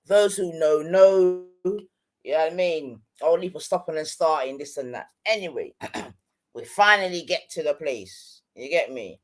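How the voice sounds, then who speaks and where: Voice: mid-range voice, lively intonation, unhurried. A middle-aged speaker with a London roadman accent tells stories in casual, slangy chat, often checking in with tag questions. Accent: London, street slang.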